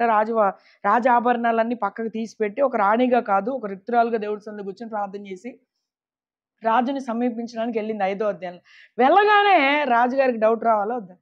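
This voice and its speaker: A woman preaching a sermon to a women's meeting, emphatic, often calling out hallelujah and asking the listeners questions. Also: a little high. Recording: dull lo-fi recording.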